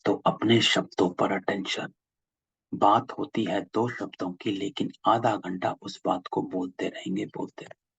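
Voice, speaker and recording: Gravelly husky man explaining scripture. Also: on the low side, no room sound. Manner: patient, repeats key phrases. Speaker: spiritual class leader. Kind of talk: explaining a spiritual discourse. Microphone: video call. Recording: dull lo-fi call audio, dry.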